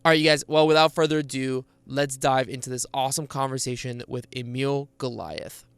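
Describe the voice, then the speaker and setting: A young man born in Bulgaria hosts a podcast, chatting casually with a guest and doing an ad read in an upbeat, chatty manner full of "like" and "uh." His medium-pitched voice is level, fairly quick, fairly bright, and clean-toned, with no room sound.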